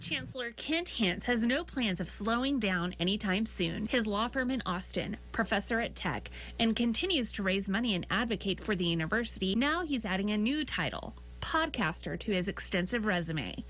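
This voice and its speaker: A woman's voice: mid-range voice, expressive, normal speed, few pauses, a bit bright. A woman television reporter reading a scripted news package.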